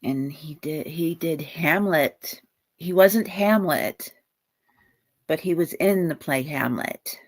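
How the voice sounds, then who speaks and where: A woman hosting a live psychic reading, talking in a halting way and searching for words. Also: sits low. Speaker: psychic medium host.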